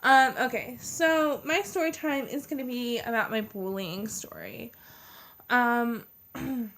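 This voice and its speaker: Young adult woman, American accent, slightly high voice, casual personal storytime, informal stop-and-start delivery. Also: takes it slowly, fairly bright tone. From United States. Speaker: vlogger.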